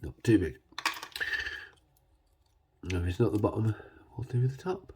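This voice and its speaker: A man congested with a cold, talking casually and hesitantly as he hosts a hands-on demonstration, his voice husky from man flu. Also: on the low side, expressive, a little slow, dark tone, a little hiss or hum. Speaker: video host.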